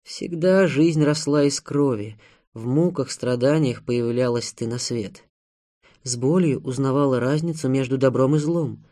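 A man reading an audiobook, voicing a fanatical woman who preaches that good needs evil, in an intense manner that rises to loud declarations. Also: mid-range voice, a little slow, lightly acted. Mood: fervent preaching.

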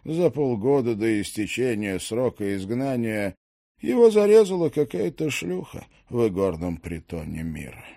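A man narrating a fantasy chronicle as an audiobook, reading in an unhurried storyteller's way. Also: mid-range voice, very animated, gravelly, warm tone, dry recording, studio quality. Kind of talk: scripted narration.

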